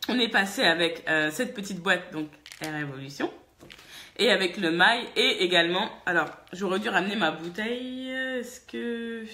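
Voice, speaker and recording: A woman's voice: mid-range voice, a little hiss or hum. A French woman vlogger from France, telling a casual, chatty story and laughing often. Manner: lively, chatty, laughs often, many fillers. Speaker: vlogger and hair-care business owner.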